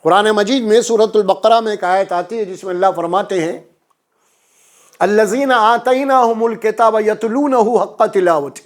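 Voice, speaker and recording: High-voiced preacher man chanting verses. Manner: preaching with rising emphasis, chanting Arabic verses. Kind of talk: Quran lesson sermon.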